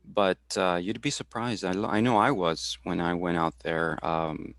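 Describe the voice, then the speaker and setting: A man in his forties from Texas, talking through his career in a halting way, with many fillers and restarts, over a video call. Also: low voice, fairly even intonation, a bit bright, no echo, studio quality. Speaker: guest speaker. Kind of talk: casual career talk.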